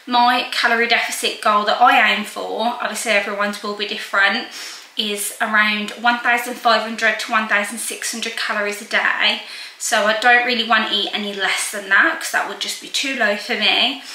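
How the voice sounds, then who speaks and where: A woman's voice: medium pitch, moderate pace. Chatty woman in an echoey kitchen. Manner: chatty, relaxed, showing items one by one. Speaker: lifestyle vlogger. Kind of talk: casual chat to camera. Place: home kitchen, indoors. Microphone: camera on a counter in front of her.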